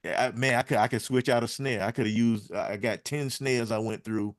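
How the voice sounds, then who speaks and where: A man's voice: mid-range voice, steady tone, fairly quick, dry recording. Rambling man talking shop, dry sound. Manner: rambling, loose, addresses audience as y'all. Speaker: music producer and panel speaker. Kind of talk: casual panel talk.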